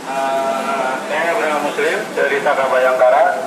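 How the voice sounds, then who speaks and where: A man's voice: mid-range voice, fairly even intonation, a little slow. A man over a two-way radio, giving a formal report and asking permission before he speaks. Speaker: scout volunteer reporting by radio. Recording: distant, echoey and very noisy.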